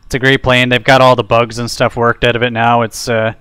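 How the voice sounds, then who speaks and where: A man's voice: medium pitch, level tone, fairly quick, bright, forceful tone, clean tone, no echo. A man streaming a flight simulator, chatting casually and making pilot radio calls. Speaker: streamer flying an airliner simulator.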